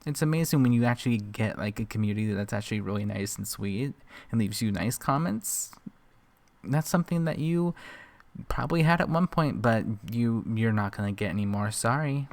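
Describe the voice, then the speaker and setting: A man's voice: medium pitch, expressive, normal speed. A man giving casual reaction commentary, sarcastic and teasing, often laughing at what he watches.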